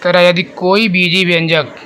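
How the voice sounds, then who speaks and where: A man teaching a math lesson, asking the class questions and answering them himself, and repeating definitions slowly. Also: high-pitched, flat delivery, pushed and bright, a little hiss or hum.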